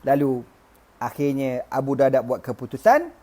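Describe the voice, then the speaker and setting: A male preacher who tells a religious story in a joking, lively way, moving between recited Arabic and casual slang. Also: mid-range voice, normal speed. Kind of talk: humorous storytelling sermon.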